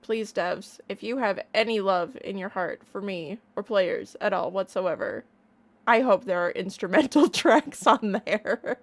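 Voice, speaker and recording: A woman streamer giving a casual, excited reaction in a playful, bubbly, gushing way. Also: mid-range voice, measured pace. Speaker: online reaction streamer and music creator.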